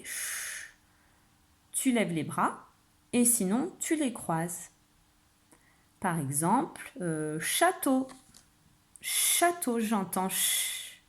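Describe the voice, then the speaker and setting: A kindergarten teacher explains a home phonics game in a patient, unhurried way. She slows right down on the example words so each sound can be heard. Her voice sits at an ordinary pitch for a woman. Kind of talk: home-schooling phonics lesson for parents.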